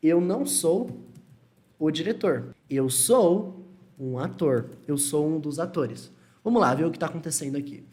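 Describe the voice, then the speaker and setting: A man's voice: sits high, a little mellow. Patient man teaching English. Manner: explains step by step, checks in with "tudo bem?"; models English words slowly and repeats them. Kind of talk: Portuguese-language English lesson.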